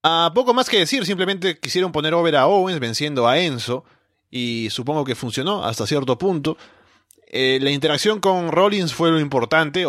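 A man co-hosting a casual podcast, relaxed and thinking aloud with small restarts. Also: mid-range voice, no room sound, clean studio sound. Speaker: podcast co-host. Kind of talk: casual wrestling podcast chat.

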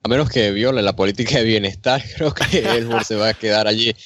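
A man's voice: lowish voice, fairly even intonation, a little fast, fairly bright tone, no room sound. A man chatting on a podcast panel, talking emphatically and asking rhetorical questions. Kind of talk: casual wrestling podcast chat.

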